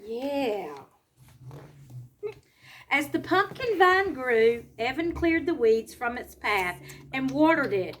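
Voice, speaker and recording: A children's educator reads a storybook aloud to young kids in a high voice at a slow pace, pausing to explain things simply and ask her listeners questions. She sounds very animated and a bit bright, with slight background noise.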